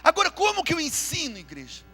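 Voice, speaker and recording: A man preaching, his voice very high and piercingly bright. He speaks fervently to a church congregation and keeps drawing them in to repeat his words, while soft music plays underneath. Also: huge pitch swings, fast talker. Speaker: pastor. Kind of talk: sermon. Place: church during a live service.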